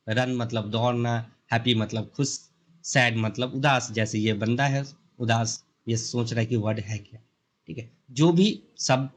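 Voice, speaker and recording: A young man with an Indian accent teaches beginner English grammar in a loose, chatty mix of Hindi and English. He leans on homely comparisons to make each idea stick. Every point gets a quick check-in with the listener before he moves on. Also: mid-range voice. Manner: explains with simple analogies, often checks in with the learner. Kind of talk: casual Hindi-English lesson.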